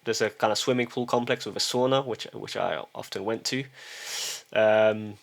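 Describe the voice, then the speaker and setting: Speaking at a moderate pace, this middle-aged small-town vlogger has a lowish voice with vocal fry and fairly even intonation. His casual, loose monologue to the camera is full of hesitations and restarts with repeated words, plus a frequent, questioning "yes?".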